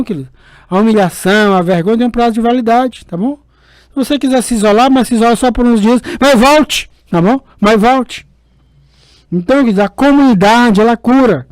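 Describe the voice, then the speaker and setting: Casting note: a high-voiced man, a priest giving a homely radio sermon with lots of tag words. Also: darkish tone, no room sound. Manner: chatty, fond tags like "né" and "queridos". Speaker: priest and radio show host. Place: radio studio.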